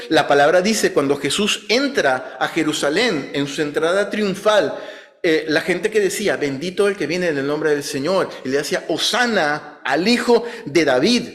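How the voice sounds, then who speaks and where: A man preaching a Sunday sermon in a church. He explains scripture references, asks the congregation questions and acts out biblical speakers with a raised, lively voice. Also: a little high.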